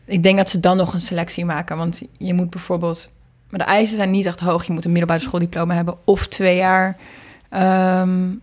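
In a relaxed interview, a Dutch woman who sings and produces explains things off the cuff, working out her thoughts as she speaks. Her fairly low voice has a darkish tone, a flat delivery, and a slightly fast pace.

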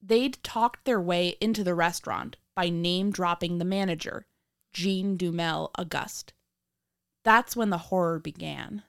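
A woman with a lowish voice narrates true crime as a podcast host. Her delivery is scripted, measured and dramatic, recorded dry and close with no room sound. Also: creaky, clear, resonant tone, no echo.

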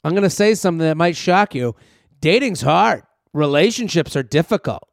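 A man with a high voice and plenty of fry delivers a casual solo podcast monologue. He rambles conversationally and addresses listeners directly, sounding clean and very dry. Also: lively intonation, moderate pace, no echo. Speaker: comedian podcast host.

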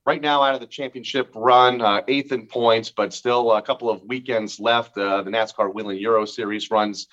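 A man co-hosting a racing podcast, giving steady, informative race updates with some fillers. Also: fairly low pitch, moderate pace, few pauses, dull audio. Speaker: podcast co-host. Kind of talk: racing news recap.

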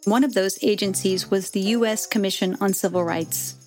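Measured woman podcast narrator. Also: medium pitch, a little mellow, faint music behind. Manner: measured, clear storytelling. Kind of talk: scripted narration.

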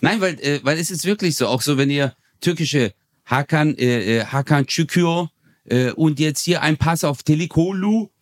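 Man, podcast co-host, casual chat, teasing, animated, dry studio sound. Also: fairly high pitch, moderate pace, no echo. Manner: animated, teasing, heavy gesturing.

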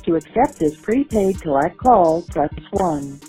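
A woman's voice: on the low side, lively intonation, unhurried, mellow, rough recording. A woman's automated operator voice giving scripted, segmented prompts for a collect payphone call. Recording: payphone call recording, music underneath.

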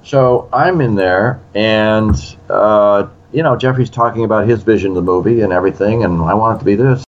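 Speaking at a moderate pace in a lowish voice, a man in his sixties recounts a story with animation during an interview, slipping into other voices for the quotes. He is a screenwriter appearing as a guest, and the audio is lo-fi.

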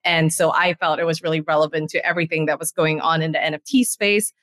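A chatty woman from Singapore, answering as a podcast guest. Her voice sits on the lower side, and the recording is dry and close. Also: steady tone, fast, a bit bright, no room sound. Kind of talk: interview answers.

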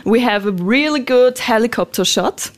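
A woman's voice: on the high side, expressive, moderate pace. A woman from Austria, a German speaker, hosting a podcast and interviewing a guest in a chatty, enthusiastic way. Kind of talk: casual interview chat.

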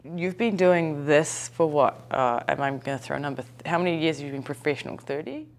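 A woman hosting an interview, asking quick, chatty questions. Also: deep voice. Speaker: podcast interviewer.

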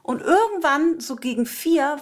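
A woman's voice: high voice, expressive, a little slow. A woman chatting casually about how she met her husband, acting out her own past thoughts as she goes. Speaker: podcast guest telling her love story. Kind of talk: casual chat.

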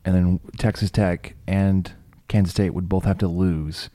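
Low-voiced guy on a sports podcast, mellow and relaxed, dry close mic, a bit strained from yelling. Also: measured pace, no echo. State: slightly strained voice after shouting at a game. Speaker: podcast co-host. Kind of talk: casual sports chat.

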